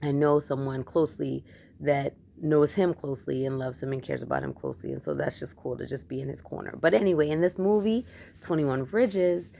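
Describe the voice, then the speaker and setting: A woman with a low, gravelly voice talks her way through a casual movie review vlog. She is chatty and emphatic, piling on words when she gets going. Her voice is deep with plenty of vocal fry. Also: brisk, mellow, a little hiss or hum. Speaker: film reviewer.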